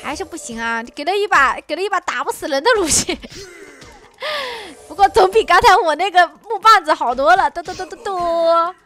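A very high-voiced young woman narrates her game in an excited, dramatic way. Her tone is sharp and bright, full of mock sobbing and sing-song chants. Soft music plays faintly underneath. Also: a little fast. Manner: dramatic, whiny fake crying and chanting. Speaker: gaming channel host.

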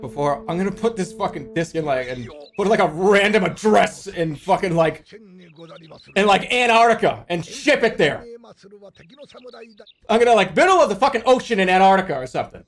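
A man's voice: high voice, expressive, normal speed, soft background music. A man in his thirties giving exasperated live gameplay commentary, often repeating short phrases and swearing. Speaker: video game streamer.

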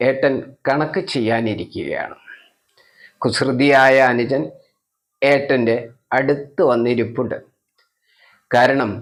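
A man narrating a children's story in short, deliberate phrases with pauses. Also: mid-range voice.

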